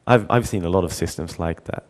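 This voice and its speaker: A man's voice: low voice, fairly quick. A middle-aged man giving a conference talk, telling a story with many restarts and repeated words and acting out the dialogue. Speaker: conference speaker.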